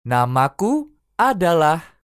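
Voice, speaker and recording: A language teacher reads short everyday phrases for learners to repeat. Each phrase comes three times, unhurried and clearly spaced. The voice moves freely up and down, and the recording is dry and close. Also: medium pitch, sing-song, dry recording. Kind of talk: reading phrase drills.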